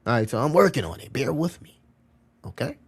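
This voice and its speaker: A man's voice: mid-range voice, very animated, fairly quick, breathy edge. A man hosting a casual live stream, talking in a loose, slangy and repetitive way and answering chat messages as he reads them. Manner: loose, slangy and repetitive, often calling out "bro". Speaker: crypto livestream host.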